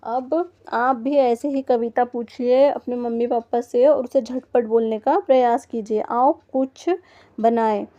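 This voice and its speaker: A woman's voice: a little high, steady tone, a little slow, mellow. A woman teaching a first-grade textbook lesson to young children, patiently sounding out words letter by letter. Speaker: primary school teacher. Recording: dull lo-fi recording.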